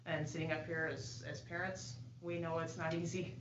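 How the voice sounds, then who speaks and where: A woman's voice: sits low, little pitch movement, normal speed. A woman school board member chairing the meeting, speaking in a plainspoken, chatty way. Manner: warm-hearted, plainspoken, chatty asides with "you know". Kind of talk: public remarks at a board meeting. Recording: echoey, dull room recording with hiss.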